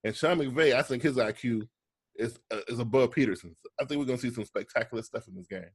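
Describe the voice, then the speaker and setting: A man's voice: mid-range voice, fast talker, slightly rough, dry recording. A man co-hosting a casual sports podcast, talking in long runs and often checking in with "right?".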